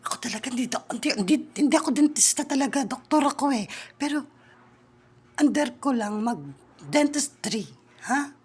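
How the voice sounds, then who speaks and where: High-voiced bossy woman comedian. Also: animated, moderate pace, long pauses, husky. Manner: bossy, teasing, with muttered whispered asides. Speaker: comedian in a classroom skit. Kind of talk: improvised comedy skit.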